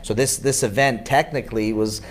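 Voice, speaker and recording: A man's voice: mid-range voice, steady tone, moderate pace. A man who organizes events, explaining his part of the work in a plain way with a few repeated words. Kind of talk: explaining interview chat.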